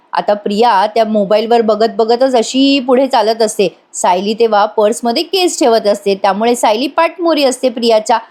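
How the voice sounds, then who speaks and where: A woman's voice: on the high side, darkish tone. A woman giving a voice-over recap of a TV serial episode, briefly voicing each character's lines as she retells the scenes. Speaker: TV serial reviewer.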